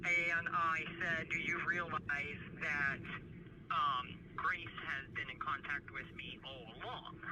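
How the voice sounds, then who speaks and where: A man calling from prison, speaking in a halting, hesitant way over a prison phone line. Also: fairly high pitch, steady tone. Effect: heard over a prison phone line. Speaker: caller from prison. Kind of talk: phone call. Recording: loud noisy phone line.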